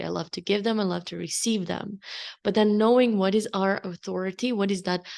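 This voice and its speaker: A woman at a middling pitch. Her voice carries a gravelly vocal fry. She hosts a podcast in loose, unscripted monologue that wanders from thought to thought. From Slovenia. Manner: open, unscripted, meandering. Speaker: podcast host. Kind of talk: casual solo podcast chat.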